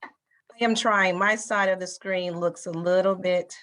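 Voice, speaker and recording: A woman's voice: fairly low pitch, steady tone, a little slow, a bit bright. A woman helping run a conference call, talking in a very polite, accommodating way as she handles the screen share.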